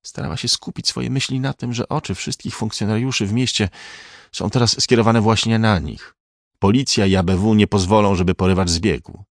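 A man reading a crime novel aloud in a measured, even way. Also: lowish voice, no echo, studio quality. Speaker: audiobook narrator. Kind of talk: scripted narration.

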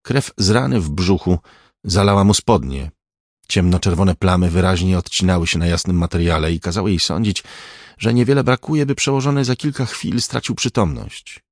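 Deep-voiced male audiobook narrator. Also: no room sound, clean studio sound. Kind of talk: scripted narration.

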